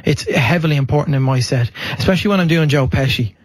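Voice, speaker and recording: Guy, kinda high voice, chatty radio guest, dry close mic. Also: no room sound. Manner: eager, chatty, quick to laugh. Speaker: impressionist guest. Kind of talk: radio interview chat.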